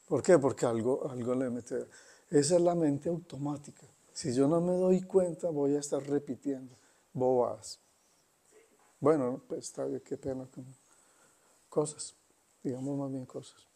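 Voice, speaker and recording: A man giving an unhurried spiritual talk, conversational and pausing often. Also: mid-range voice, fairly even intonation, dark tone. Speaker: spiritual teacher. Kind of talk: satsang talk.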